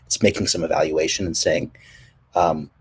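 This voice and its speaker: A man presenting his company's standards work and answering questions, speaking haltingly with many fillers and restarts. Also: very deep voice, fairly even intonation, breathy edge. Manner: halting, many ums and restarts, coughs between phrases. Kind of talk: technical presentation and Q&A.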